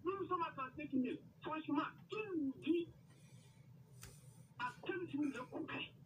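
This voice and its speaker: A man's voice: very high-pitched, moderate pace, a bit bright, recorded from a distance, slight background noise. A man phoning in to a radio show, emphatic and exasperated, repeating his points. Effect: phoned-in caller voice over radio. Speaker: radio caller. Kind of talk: call-in comment. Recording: lo-fi phone line from off-mic.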